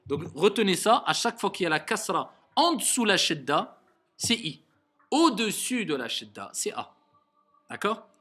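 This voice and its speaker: A man leads a reading lesson in a classroom, his voice sitting a little high for a man. He is patient, and he draws out each word slowly and clearly so his students can hear their mistakes. When explaining a rule, he speeds up. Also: very animated, bright, forceful tone. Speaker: Arabic reading teacher.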